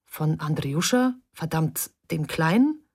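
A woman voicing a cranky, impatient young woman who keeps her answers short. Her tone is husky and a little low. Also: lively intonation, measured pace, a little mellow, heavily acted. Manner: curt and impatient.

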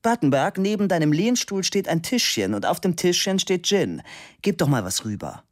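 A man reading aloud, voicing a brusque, sharp-tongued woman sculptor who barks orders at her model. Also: high voice, very animated, normal speed, no echo, clean studio sound, pitched above the performer's own voice. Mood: gruff. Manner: commanding, barking orders.

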